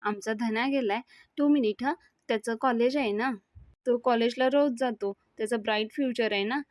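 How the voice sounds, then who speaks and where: A woman's voice: a little high, normal speed, no echo, studio quality, natural voice. A woman voicing a fussy young man who insistently asks someone to wait.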